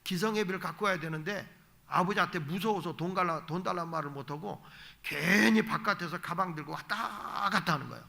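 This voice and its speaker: Forceful, folksy male preacher. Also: high voice, fairly quick, vocal fry. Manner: folksy and emphatic, acting out little dialogues; blunt, joking asides to the congregation. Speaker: guest pastor. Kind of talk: evening sermon.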